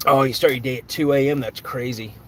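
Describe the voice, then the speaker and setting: Guy chatting on a livestream, mid-pitch voice, greets chat by name, faint hum behind. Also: steady tone, brisk, fairly bright tone. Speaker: live-stream host. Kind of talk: casual live chat, reading viewer comments.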